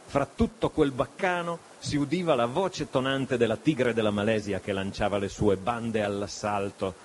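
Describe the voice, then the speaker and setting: A man's voice: medium pitch, slight background noise. Man giving a dramatic storybook reading. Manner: expressive, shifts voice for dialogue. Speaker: audiobook reader.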